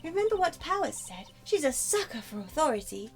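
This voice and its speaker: A woman voicing a gruff, blustering male police detective who keeps calling people pal, over faint music. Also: high-pitched, big pitch swings, fairly quick, pitched above the performer's own voice. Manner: brash, says "pal" a lot.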